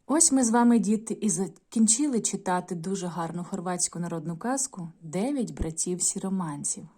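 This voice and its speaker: A woman teacher in a video lesson, reading a folk tale aloud and addressing the children in a clear, measured storytelling manner. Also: medium pitch, warm tone. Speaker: primary school teacher.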